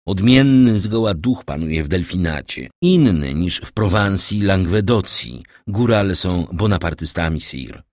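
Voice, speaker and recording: A man's voice: sits low, expressive, unhurried, hardly any pauses, darkish tone, no room sound, studio quality. A man voicing a deferential male magistrate who speaks earnestly and respectfully to the king. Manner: bowing, deferential.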